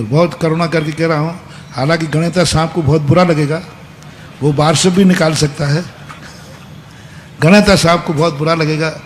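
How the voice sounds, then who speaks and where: A man with a high voice delivers a sermon, moving between hushed, confiding asides and loud, emphatic bursts as he tells a story. His voice carries a long reverb from a large hall, with a faint hum underneath. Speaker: Jain monk giving a discourse.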